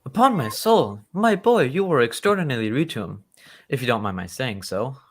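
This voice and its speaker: An actor playing a genial, chivalrous older English gentleman doctor with hearty old-fashioned politeness in a radio drama. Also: mid-range voice, lively intonation, fairly quick, lightly acted.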